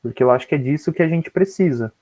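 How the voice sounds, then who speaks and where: A man's voice: on the high side, fast talker, darkish tone. A man with a Brazilian Portuguese accent talking informally as a guest speaker, rambling with slangy fillers and restarts. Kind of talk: casual discussion. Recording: dull lo-fi video call audio.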